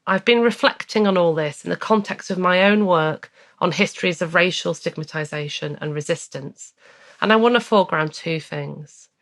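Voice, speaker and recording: A woman podcast host reading a measured, earnest scripted narration. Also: low-pitched, fairly bright tone. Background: faint music.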